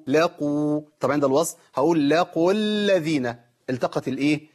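Husky, fast-talking Egyptian man teaching. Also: mid-range voice, darkish tone. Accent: Egyptian Arabic. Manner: explains with rhetorical questions, demonstrates recitation. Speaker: Quran recitation teacher. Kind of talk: tajweed lesson.

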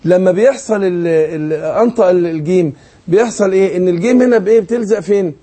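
Egyptian sheikh teaching Quran recitation. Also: male voice, sits high, dark tone. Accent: Egyptian Arabic. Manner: explains patiently, asks leading questions, demonstrates slow recitation. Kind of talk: tajweed lesson.

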